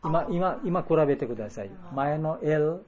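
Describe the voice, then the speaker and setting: A man's voice: a little high, expressive, normal speed, a little mellow, highs cut off. A man teaching pronunciation to a group in a live lesson, repeating words and restarting often as he sounds out letters.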